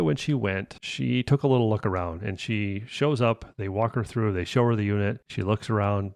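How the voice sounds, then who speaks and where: A man with a low, gravelly voice tells a story in a loose, conversational way, doubling back on his words and tossing in tag questions. The sound is dry and close, with no room around it. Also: a little mellow, no echo. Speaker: podcast host. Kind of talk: casual storytelling about sales.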